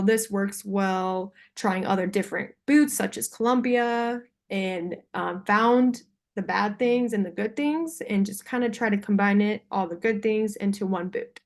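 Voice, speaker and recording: Informal young woman pitching on a video call. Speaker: salesperson pitching to a buyer. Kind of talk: practice sales call presentation on a video call. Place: video call with screen sharing.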